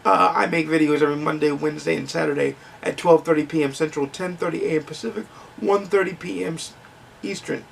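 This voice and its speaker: A man's voice: fairly high pitch, fairly even intonation, fairly quick, gravelly, distant mic, slight background noise. A man giving a frank, conversational book review with ums and restarts, his voice starting to crack.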